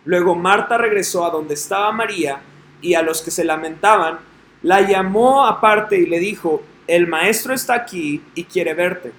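High-voiced preacher in an echoey room. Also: male voice, normal speed, fairly bright tone, slight background noise. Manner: earnest, asks listeners direct rhetorical questions. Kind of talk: scripture reading and sermon. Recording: echoey room with faint ambience.

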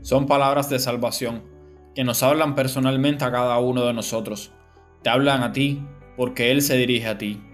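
A man reading a scripted Gospel reflection in an earnest, measured way. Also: medium pitch, steady tone, faint music behind. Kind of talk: scripted devotional narration.

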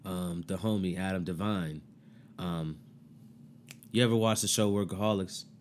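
A man's voice: low voice, moderate pace, a little hiss or hum. A young man co-hosting a casual podcast chat, loose and profane, often breaking into laughter between phrases. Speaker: podcast co-host.

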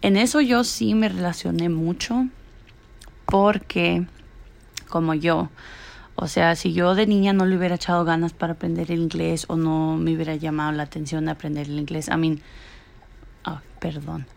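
Young woman, lowish gravelly voice, lots of ums and restarts, casual podcast musing. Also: steady tone, normal speed, a little mellow. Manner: hesitant, many fillers and restarts. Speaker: student podcaster. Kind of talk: casual spoken reflection on an article.

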